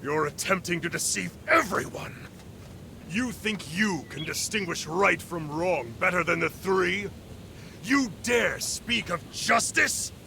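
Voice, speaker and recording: Stern military lord for a game: imperious, higher-pitched, creaky, loud rumbling noise. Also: male voice. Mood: enraged. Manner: imperious, deliberate, formal. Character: proud, stern male military lord, unforgiving, authoritarian. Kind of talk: dramatic video game acting.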